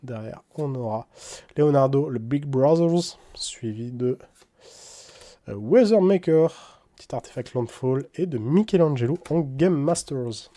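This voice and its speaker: Slow, mellow-voiced man reading card names. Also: medium pitch. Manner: reads card names aloud, wry asides; stumbles over English card names in a French accent. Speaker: card-opening YouTuber. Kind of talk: casual card-opening commentary.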